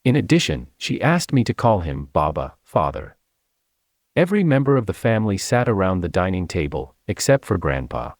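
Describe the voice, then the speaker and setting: Casting: low-voiced man, expressive memoir narrator, lively delivery. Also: dry recording, clean studio sound. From China. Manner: expressive storytelling.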